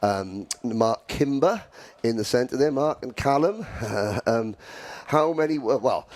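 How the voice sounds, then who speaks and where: A man's voice: mid-range voice, unhurried. A man with a British accent co-commentating at a karting event, jokey, pointing out people in the paddock. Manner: jokey, lively paddock gossip.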